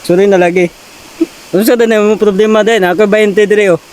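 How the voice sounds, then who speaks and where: A man's voice: high-pitched, steady tone, brisk, a little mellow, slight background noise, low-quality recording. A man performing a comedy skit, teasing his partner and repeating his words for laughs.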